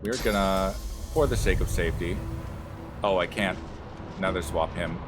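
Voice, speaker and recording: Deep-voiced streamer rambling over music. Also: male voice, moderate pace. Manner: rambling, filler-heavy. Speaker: streamer playing a game. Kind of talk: casual gameplay commentary. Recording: commentary over loud game music.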